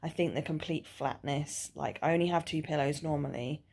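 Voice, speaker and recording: This woman's low voice is creaky and breathy-edged, a little mellow, at a moderate pace. She's a twenty-something vlogger casually addressing her video diary at home in a small bedroom or living room, weary, tired and nauseous, with a jaw sore from dental surgery.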